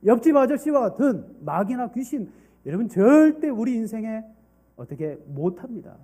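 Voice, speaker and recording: A male pastor preaching a sermon, telling a story and asking the congregation questions in an animated way. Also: very high-pitched, normal speed, husky.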